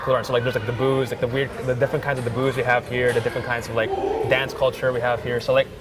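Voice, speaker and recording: A man's voice: mid-range voice, little pitch movement, fast. A young man, a filmmaker guest, talking in a casual interview with lots of "like" fillers. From Thailand. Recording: music playing behind.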